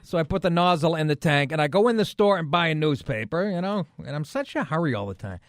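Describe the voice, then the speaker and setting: Animated male radio comic storyteller. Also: a little high, quick pace, no room sound, clean studio sound. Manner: animated anecdotes with acted-out quotes and laughs. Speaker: radio show co-host and comedian.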